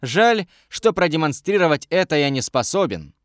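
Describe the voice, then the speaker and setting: A man reading an audiobook, voicing a young royal adviser who speaks in a courteous, measured way. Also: fairly high pitch, very animated, no echo, studio quality, voice pushed up. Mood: polite.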